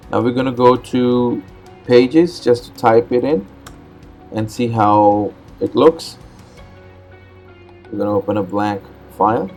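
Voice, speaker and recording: An Urdu-speaking male host narrates a step-by-step computer tutorial on screen. His medium-pitched voice is relaxed and plainly explanatory, with frequent "uh"s and repeated words.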